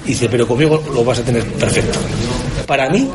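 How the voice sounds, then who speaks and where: Fast-talking Spanish man being interviewed. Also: medium pitch, over a noisy crowd. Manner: emphatic, colloquial, rhetorical questions. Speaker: sports journalist being interviewed. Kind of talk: candid conversational interview.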